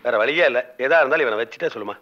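An actor playing a flustered middle-aged male boss in a comic film scene, talking fast. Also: mid-range voice, bright, forceful tone, close to an everyday voice. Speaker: company boss. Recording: dull lo-fi film audio.

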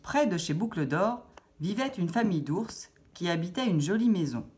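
Lady reading a kids fairy tale, lively voice going up and down, lowish. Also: moderate pace. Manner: expressive, animated storytelling. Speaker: storyteller. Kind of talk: children's story reading.

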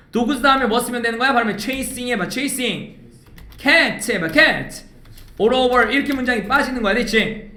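A male teacher gives an English grammar lecture in a high, bright voice. He drills the class with call-and-repeat prompts and keeps checking whether they follow. The sound carries a roomy echo. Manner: keeps checking understanding with tag questions.

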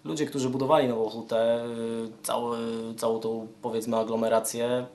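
A man's voice: medium pitch, level tone, moderate pace, darkish tone. A man giving a spontaneous interview comment, hesitantly searching for words.

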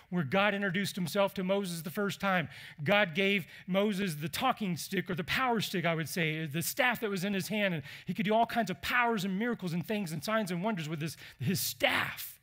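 A man preaching a sermon as pastor, animated and conversational, putting questions to the congregation. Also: high voice, a little fast. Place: church.

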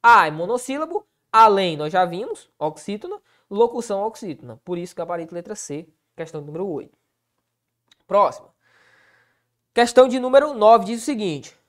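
A Brazilian woman teaching an exam-prep lesson, checking in often with quick rhetorical questions. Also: medium pitch, very animated.

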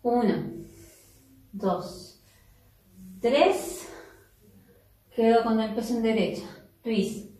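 A woman's voice: fairly high pitch, drawn-out words, long pauses, warm tone. A woman teaching a dance class, counting steps and giving cues in a room with no mirror. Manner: counts steps aloud and switches between Spanish and English. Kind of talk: online dance class instruction. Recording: roomy echo, mic far off.

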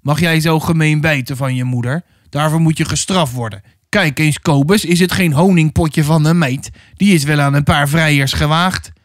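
A man's voice: on the high side, moderate pace, dry recording, clean studio sound, natural voice. A man voicing the oldest of three cattle drivers, a brutal leader who snarls threats, in a storybook reading. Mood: snarling. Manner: snarling, menacing.

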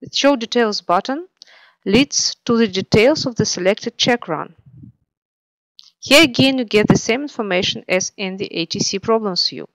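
Woman, screencast narrator, even instructional read, dry close mic. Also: fairly high pitch, normal speed, no room sound, low-quality recording. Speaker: software tutorial presenter.

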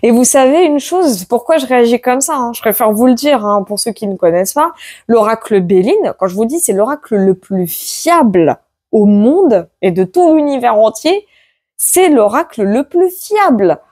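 A woman reading tarot cards aloud to her viewers in a casual chat, tagging her sentences with "hein" and bursting into loud exclamations. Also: a little high, moderate pace, dry recording, clean studio sound. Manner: excitable, exclaims loudly, many "hein" tags. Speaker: tarot card reader. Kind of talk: casual card-reading video.

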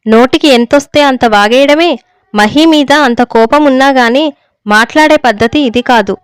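A woman voicing an aging village father who scolds and pleads with his son. The figure is hurt and stern, and she rebukes in a steady story reading. Her voice stays high, clear and smooth, in a dry close recording. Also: normal speed, no room sound, natural voice. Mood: pleading, stern.

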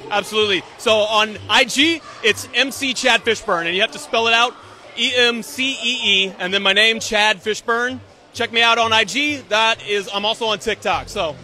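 A man's voice: sits high, moderate pace, sharp tone. A man in his thirties, a ring announcer giving an upbeat, projected, enthusiastic interview at an event. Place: large event hall by a fight cage stage, indoors. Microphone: handheld interview mic held to him.

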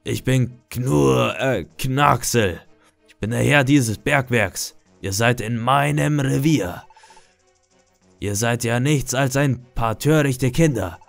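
A young man voicing a menacing, greedy male monster boss who guards his treasure, growling and loud, with faint game music behind. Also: medium pitch, vocal fry, no room sound. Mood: threatening. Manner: loud, threatening, drawn-out delivery.

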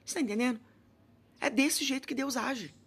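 Woman, missionary preacher, high pitch, husky edge, fervent sermon. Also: a little fast. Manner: fervent preaching, direct address to listeners; rising to shouted prayer.

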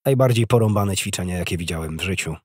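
A man's voice: sits low, quick pace, a little mellow, breathy edge, no room sound, clean studio sound. A man voicing a wary young soldier who answers in terse, plain words.

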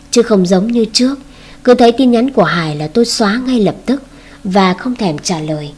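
Husky woman telling a story. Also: mid-range voice, darkish tone. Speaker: story narrator. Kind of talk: first-person story narration.

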